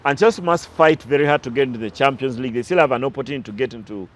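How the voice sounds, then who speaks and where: In casual sports talk, a man with a mid-range voice runs through recent football matches very fast. He's an analytical pundit prone to side stories, restarting himself now and then.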